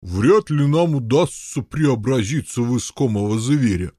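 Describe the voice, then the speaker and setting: Grumbling old knight, husky and blustery, big swoops in pitch, as a male reader does him. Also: lively intonation, unhurried, mellow, no room sound, clean studio sound. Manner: blustering, huffy protests. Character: gruff elderly Norman knight, grumbling and stubborn. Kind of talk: audiobook character voice.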